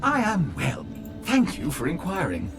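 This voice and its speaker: A man's voice: fairly high pitch, huge pitch swings, measured pace, exaggerated voice. A man voicing a polite, fawning male butler robot who is formal and obsequious and calls his master sir, in video game dialogue. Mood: deferential. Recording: game audio with background music.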